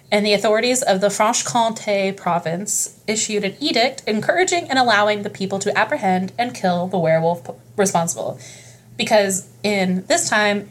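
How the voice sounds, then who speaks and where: A young woman guest on a casual podcast, telling history stories in a rambling, profane way with many fillers and asides. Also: mid-range voice. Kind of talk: casual storytelling chat.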